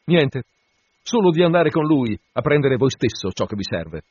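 A man voicing a calm, sober first mate who gives curt, plain replies. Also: medium pitch, normal speed, husky, no echo, voice pushed up. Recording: dull dry radio broadcast.

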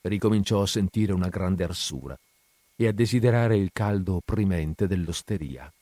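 Lettore maschile, voce bassa e asciutta. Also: male voice, normal speed, warm tone, dry recording. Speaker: reader, channel host. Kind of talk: literary audiobook reading.

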